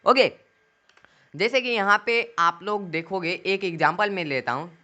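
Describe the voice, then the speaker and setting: Man, pronunciation teacher, bright tone, asks and answers his own questions. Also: high voice, measured pace. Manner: repeats key words as questions and answers them himself. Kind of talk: classroom-style video lesson.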